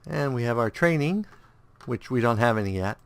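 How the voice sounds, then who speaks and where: With a little hiss or hum in the background, a man with a creaky, medium-pitched voice talks at a moderate pace. He's a let's play host, stuffy-nosed and slightly hoarse in the throat, who hums absently through menus and offers loose, rambling commentary on his game as he thinks aloud.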